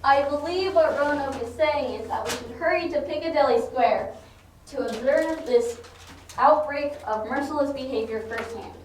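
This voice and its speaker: Sidekick female actor: earnest, explanatory, high-pitched comedy acting in a very echoey room. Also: moderate pace, lightly acted. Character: earnest, sensible detective's sidekick, quick to worry. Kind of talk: theatrical comedy drama acting. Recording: very echoey room, distant mic, faint noise.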